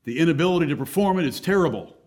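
A man's voice: on the high side, animated, very fast, a little mellow. A man preaching a sermon as pastor at a pulpit microphone, emphatic and blunt.

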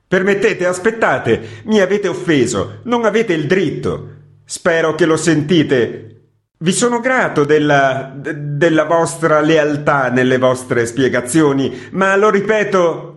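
A man's voice: fairly high pitch, lively intonation, slow, pitched above the performer's own voice. A man voicing an agitated male newspaper editor who protests in a raised, defensive voice. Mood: indignant.

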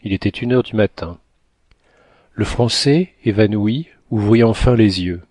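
Man reading an audiobook, steady and measured, lowish voice, dry close sound. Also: no echo. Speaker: narrator. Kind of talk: scripted audiobook narration.

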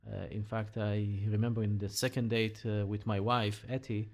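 A man's voice: fairly low pitch, level tone, a little mellow. Earnest middle-aged Israeli man. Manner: earnest, many "uh" pauses. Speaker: interview guest. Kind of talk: conversational interview.

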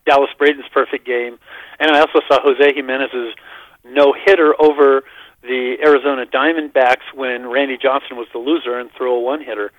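An older man phones in as a radio guest and rambles enthusiastically about his baseball memories in casual chat. His mid-range voice is level in tone and fairly quick, coming over a dull, lo-fi phone line with no room sound.

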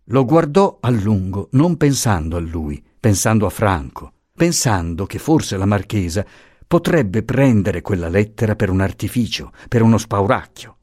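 A man narrating an audiobook of a classic novel with a lively, theatrical delivery. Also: fairly low pitch, measured pace, dry recording, studio quality. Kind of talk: expressive reading of a classic novel.

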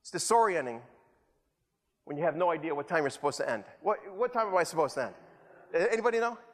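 A man from El Salvador preaches a sermon in a fairly high, expressive voice, talking fast. He leans on rhetorical repetition and self-deprecating humor, and the recording carries a long hall reverb.

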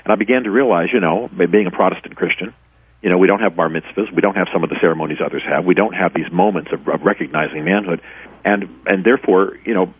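A man's voice: sits low, breathy edge. A middle-aged man, an author and former pastor, telling stories earnestly in a radio interview with many restarts. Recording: tinny phone line, dry.

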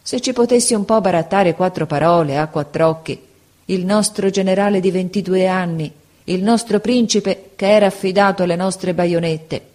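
A woman's voice: on the low side, moderate pace, a little mellow, natural voice. A woman reading the part of a proud, emotional middle-aged army veteran in an audiobook, telling his memories with fervor. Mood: fond. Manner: fervent, stirred storytelling.

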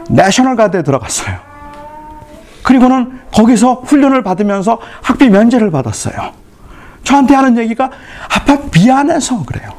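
A middle-aged male pastor with a very high, slightly mellow voice gives a retreat sermon. He tells family stories and acts out the dialogue within them.

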